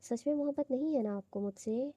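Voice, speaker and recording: A woman's voice: sits high, dark tone, breathy edge, no echo. A woman reading as a stubborn young wife. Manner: defiant, quick retorts.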